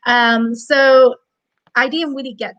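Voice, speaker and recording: A woman's voice: high voice, fairly even intonation, slow pace, a bit bright, lo-fi sound. Earnest woman from Hong Kong. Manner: earnest, chatty, with light laughs. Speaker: guest, money coach. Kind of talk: casual interview storytelling.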